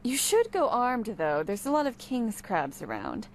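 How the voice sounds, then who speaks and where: A woman's voice: on the high side, huge pitch swings, measured pace, full character voice. An actress playing a sardonic, world-weary townswoman in a fantasy video game, with a sarcastic delivery. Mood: irritated, helpful. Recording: faint background ambience noise.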